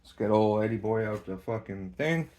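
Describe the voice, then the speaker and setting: A man casually reviewing a model kit while posing it, relaxed, swearing now and then, and a bit out of breath. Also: lowish voice, normal speed. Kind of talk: casual hands-on toy review.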